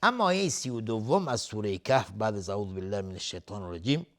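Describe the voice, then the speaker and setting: Male recitation teacher: sung verses alternating with quick plain-spoken explanations. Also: lowish voice, animated. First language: Arabic recitation; speaks Persian. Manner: alternates slow melodic chanting with brisk spoken rule explanations. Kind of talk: recitation and tajweed lesson.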